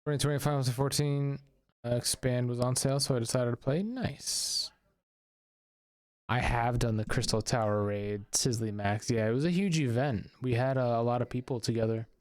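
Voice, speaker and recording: A man's voice: mid-range voice, fairly even intonation, fast, darkish tone. Chatty man streaming a game. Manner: chatty, reacts to chat and game. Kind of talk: casual live gameplay commentary.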